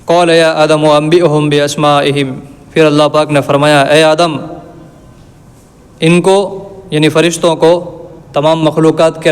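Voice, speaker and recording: A man giving a religious lesson, reciting verses slowly and then explaining them in plain everyday words. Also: on the high side. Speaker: Quran teacher. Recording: long reverb.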